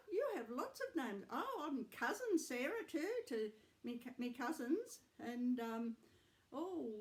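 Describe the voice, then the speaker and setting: A woman's voice: high voice, pitched above the performer's own voice, full character voice. A woman voicing a chatty, fussy elderly grandmother who rambles fondly. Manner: rambling, warm, chuckling.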